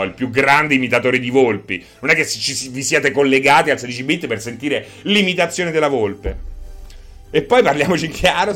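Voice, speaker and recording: A man chatting casually on a live stream, joking with viewers and doing squeaky animal imitations. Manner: animated, jokey, breaks into high squeaky fox imitations. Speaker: streamer host.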